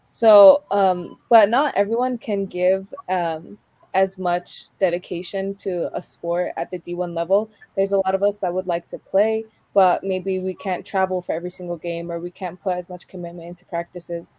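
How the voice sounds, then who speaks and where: A young woman talks conversationally in an interview. Her voice is soft-edged and dark, a little low, and recorded dry with hardly any room. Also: fairly even intonation, moderate pace, dry recording. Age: 20s. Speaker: club soccer player and founder.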